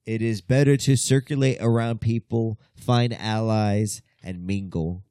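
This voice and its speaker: A man's voice: fairly low pitch, fairly even intonation, a little slow, mellow, no room sound, studio quality. A man hosting a casual podcast chat, reading list items aloud and riffing on them with swearing. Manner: reads list items aloud, then riffs with profanity. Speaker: podcast host.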